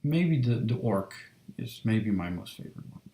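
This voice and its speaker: Sketching fan art on a live stream, this man keeps up casual, filler-heavy chatter and responds to messages from chat. His voice sits on the low side, mellow and gravelly, with a soft, unhurried ease. The home studio room around him sounds echoey.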